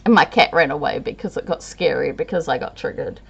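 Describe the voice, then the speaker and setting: A tired-sounding woman vlogger chats to camera in a rambling, self-deprecating way and laughs often. Her voice is low, brisk, creaky and husky.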